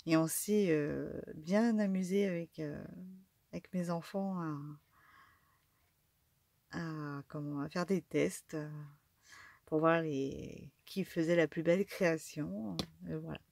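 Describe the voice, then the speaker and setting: Middle-aged woman, unhurried and low, halting craft-vlog chatter. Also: gravelly, a little mellow, no echo. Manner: hesitant, many fillers and restarts. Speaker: craft vlogger. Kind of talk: casual unboxing commentary.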